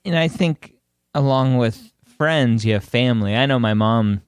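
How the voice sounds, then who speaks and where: A man in his thirties co-hosting a podcast, joking and halting, often repeating words as he talks. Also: medium pitch, smooth, no room sound, studio quality. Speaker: podcast co-host. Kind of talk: casual podcast chat.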